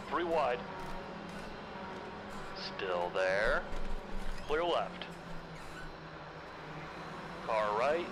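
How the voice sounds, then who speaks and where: A man plays a race spotter on team radio in a racing game. His calls are short and clipped, delivered slowly with a pitch that moves around a lot. Loud engine and vehicle noise runs under everything. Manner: terse, clipped.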